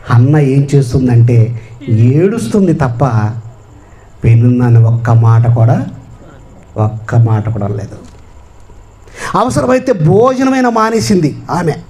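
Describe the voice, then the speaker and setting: A man's voice: a little high, mellow. A male pastor with a Telugu accent delivers a sermon in a slightly raised voice, driving his points home by repeating phrases. He preaches with emphasis and pleading urgency.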